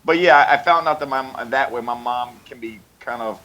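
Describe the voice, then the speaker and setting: A man's voice: medium pitch, normal speed, a bit bright, lo-fi sound. A man calling into a chat show, laid-back and chuckling as he tells a story. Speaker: caller. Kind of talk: casual chat.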